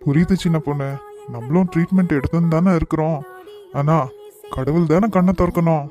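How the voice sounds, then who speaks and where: A man voicing a gentle young husband in a cartoon, tenderly coaxing his crying wife. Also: on the high side, brisk, soft background music, natural voice. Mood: comforting.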